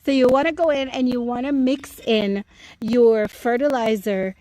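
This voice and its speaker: A woman's voice: fairly high pitch, measured pace, mellow, dry recording, low-quality recording. A woman giving a casual, chatty live tour of her home vegetable garden outdoors, explaining things to viewers as she goes and speaking into a phone.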